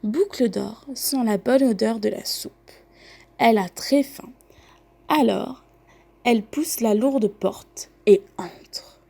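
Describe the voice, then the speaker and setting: A woman teacher reads a children's picture book aloud in a clear, expressive storytelling voice. She takes her time, speaking unhurriedly, and her voice sits slightly high. Each sentence is shaped carefully for young listeners. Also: slow pace.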